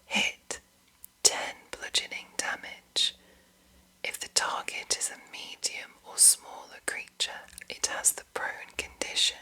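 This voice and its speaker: A woman whispers ASMR-style throughout, in a breathy, completely unvoiced whisper that sounds very bright and crisp at the edges. Taking it slowly, she softly reads from a game rulebook and chats with her viewers as their host.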